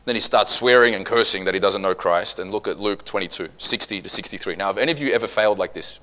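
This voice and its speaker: A man preaching a sermon, animated and joking, swinging between loud bursts and quiet asides. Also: fairly low pitch, quick pace.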